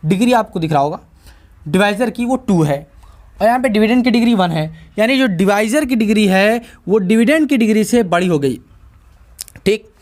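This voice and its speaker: A man's voice: high-pitched, darkish tone. A man with a Hindi-speaking North Indian accent teaching a math lecture, who keeps asking and answering his own questions and checking in with the class. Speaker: math tutor.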